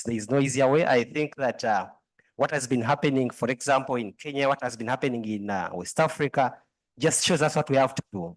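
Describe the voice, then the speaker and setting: A man's voice: mid-range voice, low-quality recording. A man making earnest, insistent remarks at a conference panel, repeating his key points. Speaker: panel speaker.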